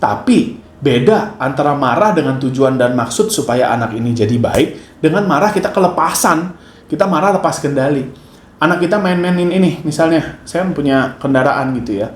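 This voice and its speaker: A man's voice: mid-range voice, moderate pace. A father giving a casual, joking monologue on parenting, talking conversationally to camera. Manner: conversational, joking, switches into acted scolding. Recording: echoey room, faint noise.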